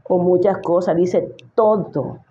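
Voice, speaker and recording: Warm-voiced woman pastor preaching. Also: on the low side, slow, lo-fi sound. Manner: emphatic preaching, addresses listeners directly with rhetorical questions. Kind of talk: sermon.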